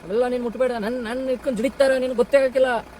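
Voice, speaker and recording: A man acting a bumbling, greedy yet soft-hearted kidnapper in a comic skit, talking in a rambling, rustic way outdoors. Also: very high voice, fairly even intonation, fast. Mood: scheming. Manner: rambling, chatty, rustic talk. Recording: street noise with idling engine.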